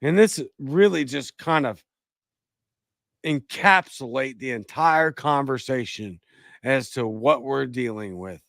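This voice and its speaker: A man's voice: medium pitch, slow, creaky, a bit bright, no echo. A man hosting a political talk show, delivering emphatic, ranting commentary into a close mic. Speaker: podcast host.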